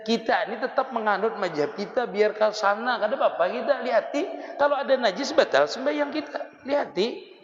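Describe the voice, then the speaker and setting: A man's voice: sits high, expressive, brisk. A man with a Banjar Malay accent gives a casual religious lesson, explaining in a folksy, conversational way with frequent chuckles. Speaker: religious teacher. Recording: dull lo-fi recording in a reverberant hall.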